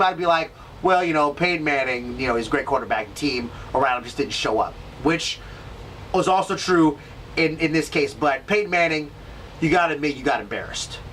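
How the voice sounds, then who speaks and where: A male sports vlogger from the Seattle area rambles through his thoughts in a casual, somewhat high voice, restarting sentences and leaning on fillers. He sits a little back from the mic, with a faint hiss underneath. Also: a bit bright, recorded from a distance, low-quality recording. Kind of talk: casual vlog commentary.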